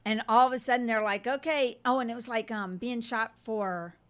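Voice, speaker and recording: A woman's voice: fairly high pitch, steady tone, normal speed. Candid laughing woman podcast host. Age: middle-aged. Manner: candid and laughing, trails off mid-question. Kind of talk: casual chat.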